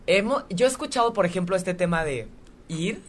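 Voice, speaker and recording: A woman's voice: fairly low pitch, lively intonation, brisk, a little hiss or hum. A woman hosting a chat, talking through a scenario with fillers like "este". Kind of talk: casual podcast chat, asking questions.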